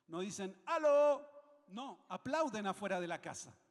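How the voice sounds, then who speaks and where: High-voiced Chilean pastor preaching. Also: male voice, lively intonation, moderate pace, fairly bright tone, big-room sound. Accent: Chilean Spanish. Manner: emphatic, repeats phrases for weight, asks the congregation questions. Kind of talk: sermon.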